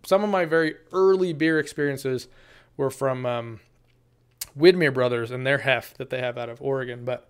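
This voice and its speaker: A chatty beer review vlogger with a smooth, mid-range voice gives a casual solo review at normal speed, relaxed and rambling with many ums and restarts. He's indoors in a small room before a green screen, shot from the chest up on a desk camera.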